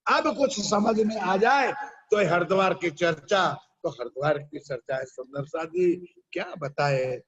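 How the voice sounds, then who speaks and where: A man's voice: high voice, a little slow, a bit bright, slightly rough, dull audio. A man preaching a sermon. He tells a parable and keeps stopping to quiz his listeners. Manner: questions the audience often. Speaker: religious preacher.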